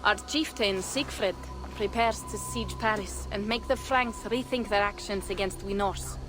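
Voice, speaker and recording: On a low-quality recording with music behind her, a woman performs a bold, persuasive Norse warrior for a dramatic video game. She speaks a little slowly in a natural, mid-range voice, using grave, earnest, declarative lines in archaic formal language.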